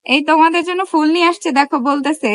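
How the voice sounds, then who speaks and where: A mother filming her small child, talking in a gentle, coaxing way and asking many little questions. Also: sits high, fairly even intonation, fast talker, no echo. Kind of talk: casual vlog talk to a small child.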